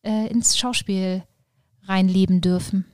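Woman guest, mid-pitch, animated storytelling, hesitant restarts, dry recording. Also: slow pace, no room sound. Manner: lively, with many fillers and restarts. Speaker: podcast guest. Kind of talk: personal storytelling in conversation.

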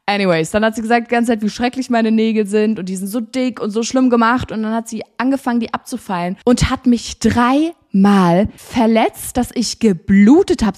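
A young woman hosting a podcast, telling a story in a chatty, animated, slangy way. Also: medium pitch. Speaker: podcast host. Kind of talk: casual storytelling monologue.

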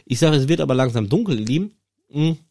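A man's voice: mid-range voice, fast talker, creaky. A man hosting a fishing podcast, casually retelling a night of angling and acting out the dialogue with his friend. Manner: lively anecdotal retelling, acts out dialogue. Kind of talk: casual storytelling to listeners.

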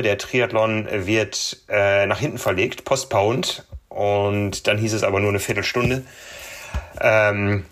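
A man's voice: mid-range voice, a bit bright. A man hosting a podcast from a hotel room late at night, tired after a long workday, talking casually and laughing often. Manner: chatty, laughs often, self-deprecating asides. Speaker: podcast host and photographer.

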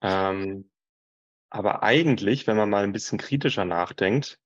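A man's voice: fairly low pitch, a little slow, muffled recording. A man born in Franconia to an East German family, interviewing in casual conversation and chatting with personal anecdotes.

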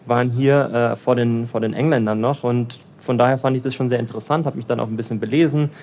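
A man's voice: mid-range voice, fairly even intonation, quick pace, darkish tone, a little hiss or hum. A man from Bavaria, a banker in his thirties, answering interview questions hesitantly with many fillers. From Germany, Bavaria. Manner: hesitant, many ums and restarts. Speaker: guest, banker. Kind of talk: casual interview.

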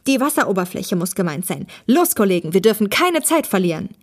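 A woman reading the part of an eager young male podcaster who solves riddles with excitement. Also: medium pitch, fairly quick. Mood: excited.

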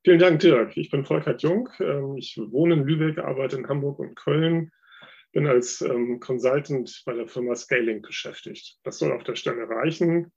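Gravelly husky consultant, matter-of-fact, dull distant line. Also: male voice, medium pitch, normal speed, darkish tone. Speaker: consultant, panelist. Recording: dull, distant call audio.

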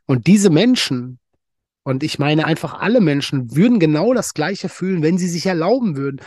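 A man's voice: a little high, animated, moderate pace, a little mellow, dry recording, studio quality. A man hosting a solo podcast monologue, emphatic and blunt, swearing freely and repeating phrases for effect. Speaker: podcast host.

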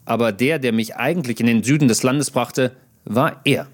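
A man's voice: medium pitch, moderate pace. A man in his thirties narrates his own video diary as a foreign correspondent. His humor is dry and self-mocking, with wry asides.

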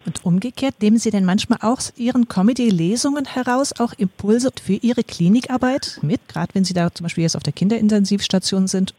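A woman's voice: medium pitch, fairly quick, hardly any pauses, warm tone, slightly rough, no room sound. A woman interviewer putting prepared questions to a guest in a conversational way.

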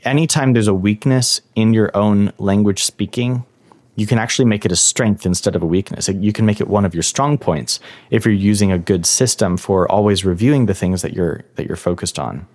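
In interview answers, a male guest lays out his advice on learning languages thoughtfully and step by step. His voice is fairly low and darkish, and he speaks briskly.

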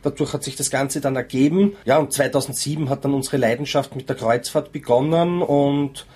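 A man's voice: medium pitch, steady tone, brisk, darkish tone, husky. A man from Norway who is a guest on a podcast, speaking from a ship's cabin in a friendly, fluent way. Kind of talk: casual conversation. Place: ship cabin at sea.

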